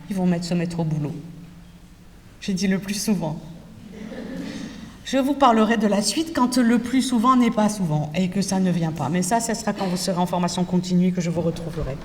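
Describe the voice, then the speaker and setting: A woman lecturer teaching future teachers, talking in a lively way and putting direct rhetorical questions to her students. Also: mid-range voice. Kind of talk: university lecture. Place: lecture hall. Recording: echoey lecture hall from far off, faint noise.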